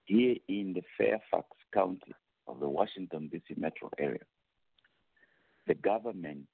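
Deep gravelly man preaching over a phone line. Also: dry recording. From Zambia. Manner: preaching, emphatic, declamatory. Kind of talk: impassioned testimony.

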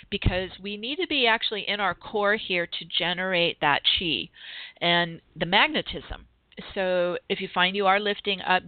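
A woman with a lowish voice hosts a radio show and leads listeners through an energy healing, chanting firm repeated commands. The sound is dry and close, squeezed through a thin, tinny phone line. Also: no room sound. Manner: commanding, repetitive incantation-like phrasing. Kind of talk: guided energy healing session.

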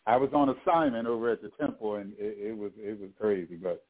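A man's voice: fairly low pitch, big pitch swings, fast talker, vocal fry. A man chatting casually as a sports radio panelist, folksy and often repeating words. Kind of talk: casual chat. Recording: narrow phone-like sound.

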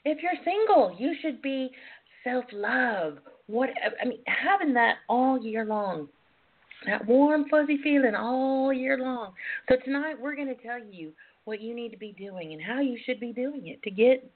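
A woman's voice: on the high side, lively intonation, a little slow. Woman radio host on a tinny phone line. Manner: sassy, playful, familiar address to listeners. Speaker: radio talk show host. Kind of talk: casual, chatty call-in talk show.

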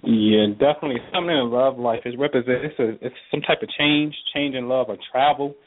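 A man's voice: mid-range voice, a little fast. A man hosting a call-in astrology reading, talking in an encouraging, folksy way. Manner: encouraging, folksy, uses y'all. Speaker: astrology and tarot reader, co-host. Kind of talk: call-in reading, casual advice. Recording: tinny phone line.

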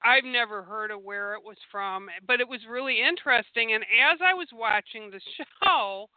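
A woman host chats eagerly and wanders from point to point, filling gaps with ums and you-knows. Her voice is smooth and clear, but it arrives through a dry, narrowband, phone-like line. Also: fairly high pitch, moderate pace, no echo. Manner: enthusiastic, meandering, lots of fillers. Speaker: podcast host. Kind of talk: casual interview chat. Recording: dry, phone-like call audio.

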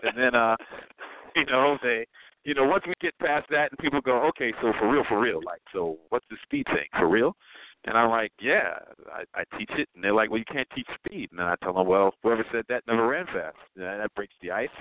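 A man from the New York area calling in over the phone to a sports talk show, chatting in an upbeat, animated way as a speed coach. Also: medium pitch, fairly quick, no room sound. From New York area, Long Island. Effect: heard over the phone. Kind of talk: casual call-in chat. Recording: tinny, dry phone line.

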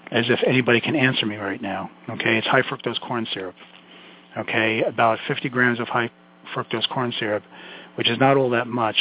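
A man with a Brooklyn accent giving an informal health lecture, addressing listeners directly in a folksy way with emphatic asides. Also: mid-range voice. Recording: muffled, phone-like lo-fi audio.

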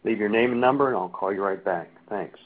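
A man's voice: fairly low pitch, fairly quick. Man's voicemail greeting, thin phone sound, short and plain. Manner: brief recorded greeting. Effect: answering machine greeting over a phone line. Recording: tinny phone line played on radio.

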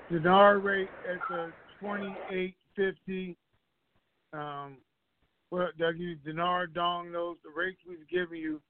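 A regular call-in show guest talks in a loose, rambling way over a conference line, the casual call sounding tinny and dry. He has a high-pitched voice, with a little hiss or hum.

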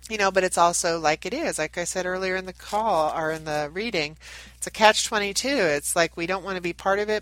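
Talking to camera about spiritual matters, this channel host and card reader sounds nasal as she gets over a head cold. Her voice is lowish and a bit bright, and she rambles chattily, often starting over. The recording is rough, with no room sound.

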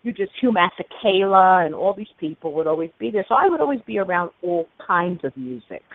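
A woman from New York, a guest producer, telling stories about her past in relaxed interview answers. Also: lowish voice, brisk, no room sound. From New York, United States. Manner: relaxed storytelling with fillers and restarts. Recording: narrow phone-line radio sound.

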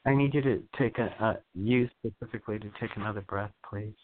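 A man hosting a radio psychic reading, guiding a caller through breathing in a soothing, halting way with many fillers. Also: lowish voice. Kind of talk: spiritual energy reading on air. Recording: phone-like narrow sound.

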